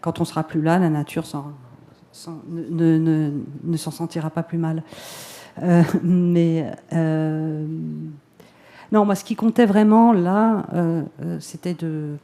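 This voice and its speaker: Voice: medium pitch, steady tone, slow, dark tone. A filmmaker giving reflective, hesitant answers at a press conference, often repeating words while thinking.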